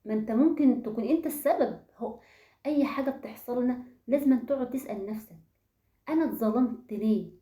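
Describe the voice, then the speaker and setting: A woman with an Egyptian accent gives a motivational talk in a mellow, fairly high voice. She speaks straight to her audience and keeps asking them rhetorical questions. The room adds a clear echo. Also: fast. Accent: Egyptian Arabic. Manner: asks the listeners rhetorical questions; addresses the audience directly. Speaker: self-awareness speaker. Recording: roomy echo.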